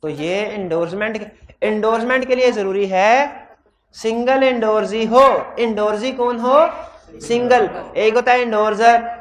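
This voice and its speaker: A man teaching law in a hybrid classroom. He has a sore throat, speaks loudly into a microphone, and keeps putting questions to his students. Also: very high-pitched. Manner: quizzes students with repeated questions. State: throat trouble, talking loudly. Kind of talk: classroom lecture.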